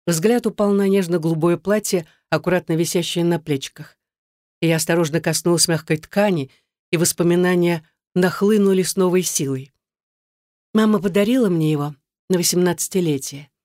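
A woman with a low voice narrates a first-person story in a soft, earnest way. The reading is close and dry, with no room echo. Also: normal speed. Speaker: audiobook narrator.

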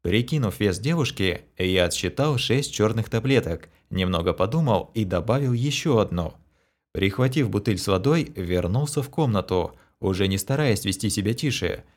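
A man narrating an audiobook in a steady, even reading voice. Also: lowish voice, normal speed.

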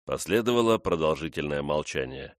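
Man narrating an audiobook, deep voice, dry close sound. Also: animated, fairly quick, no echo. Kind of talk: scripted narration.

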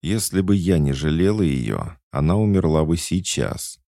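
A man with a deep, gravelly voice reading the lines of a proud, jealous immortal queen who speaks coldly and commandingly. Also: lively intonation, moderate pace, warm tone, no room sound, clean studio sound. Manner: cold, imperious, mocking.

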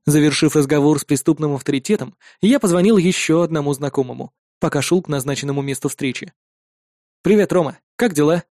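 A man reading a first-person audiobook in a calm, measured way. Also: a little high, dry recording, studio quality. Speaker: audiobook narrator.

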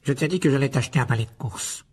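A man's voice: medium pitch, quick pace, darkish tone, breathy edge, voice pushed up, close to an everyday voice. A man playing a cold, haughty aristocrat. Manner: cold, clipped and condescending.

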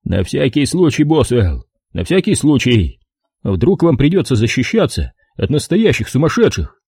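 Sarcastic grouchy corporal, as a man reader puts him on, dark and husky. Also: medium pitch, big pitch swings, normal speed, no room sound, studio quality, pitched above the performer's own voice. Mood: grumpy. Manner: grumbling, sarcastic. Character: grumpy irritable male army corporal.

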